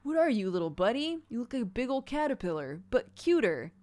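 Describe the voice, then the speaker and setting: A woman voicing an excitable, secretive boy who is fond of small creatures, in story game dialogue. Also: a little high, a little fast, voice pushed up. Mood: delighted.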